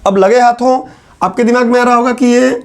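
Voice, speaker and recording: A man with a strikingly high-pitched voice teaches a class at the board. He moves step by step, puts questions to the students and answers them himself. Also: steady tone, fairly quick. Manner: explains step by step, asks and answers his own questions. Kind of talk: classroom lecture.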